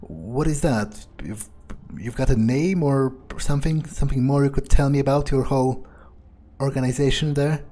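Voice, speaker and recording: A gamer commentates his video game playthrough in character, musing to himself in a casual, dry way over faint game music. His mellow voice sits mid-range, and he talks at a moderate pace.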